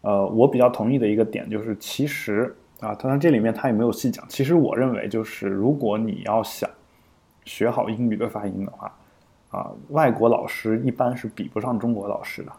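Mellow-voiced man chatting on a podcast. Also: on the low side, brisk, creaky. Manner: thinks aloud, frequent fillers and restarts. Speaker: podcast co-host. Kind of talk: casual explanatory chat.

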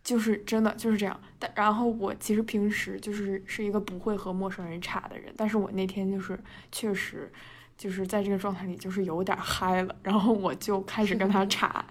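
In a brisk, level mid-range voice, a twentysomething woman from China chats as a podcast co-host, telling casual stories. A little hiss or hum sits in the recording. She laughs a lot, uses plenty of fillers and mixes English words into her talk.

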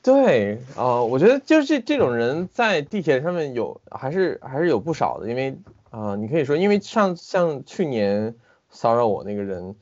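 Over an internet call from his home in the city, a medium-pitched man, a film director under interview, speaks at a moderate pace. His manner is casual and animated, full of hesitations and restarted sentences. The audio has its high frequencies cut off.

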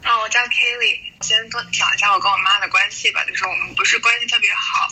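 Woman, 30s, from China, very bright tone, mid pitch, reflective hesitant storytelling, voice call. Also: steady tone, husky, rough recording. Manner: slow, reflective, hesitant retelling. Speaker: guest sharing a story. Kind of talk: personal storytelling. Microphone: voice call recording.

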